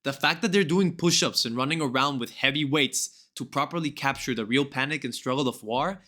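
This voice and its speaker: A man's voice: medium pitch, fairly quick, bright, forceful tone. A young man narrating a scripted gaming video in an enthusiastic, gushing and informal way.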